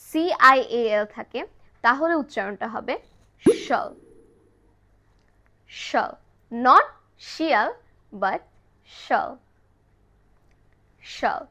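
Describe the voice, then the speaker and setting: A woman teaching English pronunciation to viewers, repeating each word slowly and mixing English phrases into her talk. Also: high-pitched, pushed and bright. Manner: slow, drawn-out repetition of each word. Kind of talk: scripted pronunciation lesson.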